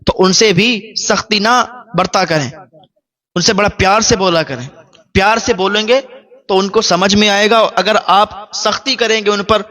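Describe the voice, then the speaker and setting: High bright-voiced male preacher. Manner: emphatic storytelling with repetitions. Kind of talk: emotional sermon.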